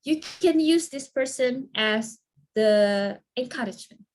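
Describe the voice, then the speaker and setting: A woman leading an online training session and answering questions in a lively, encouraging way. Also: high-pitched, measured pace. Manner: lively, encouraging, asks listeners to confirm.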